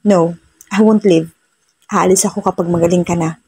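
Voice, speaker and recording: A woman voicing a gentle, concerned young husband who talks softly and slips into English. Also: high voice, fairly even intonation, moderate pace, slightly rough, exaggerated voice. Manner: soft, mixes English into speech.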